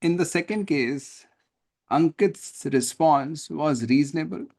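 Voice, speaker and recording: A test prep tutor with an Indian English accent teaches an online class over a video call. His voice is a little high and he takes it slowly, staying lively and questioning and often checking whether students follow.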